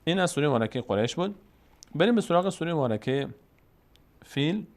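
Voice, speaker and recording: Male recitation teacher, drawn-out chanting broken by brisk explanation. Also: on the high side, animated. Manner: alternates drawn-out chanted syllables with quick spoken explanations. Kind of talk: tajweed lesson, spelling out and chanting verses slowly.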